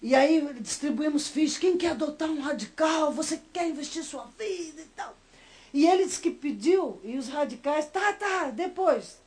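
A woman's voice: high voice, normal speed, poor audio. A middle-aged woman from Brazil with a Brazilian Portuguese accent, preaching a sermon and telling stories with emotion, speaking to the congregation. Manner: emotional, animated storytelling with asides to the congregation. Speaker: missionary preacher. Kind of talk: sermon with storytelling.

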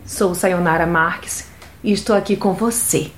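Woman reading a slow devotional message. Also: fairly low pitch, a little hiss or hum. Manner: slow, measured reading with pauses. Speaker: devotional speaker.

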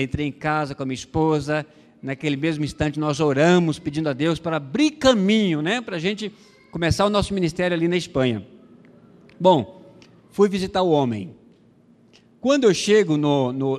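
A man from Brazil, a missionary pastor, telling a testimony in a sermon, acting out the dialogue with many pauses and fillers. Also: a little high, long reverb tail.

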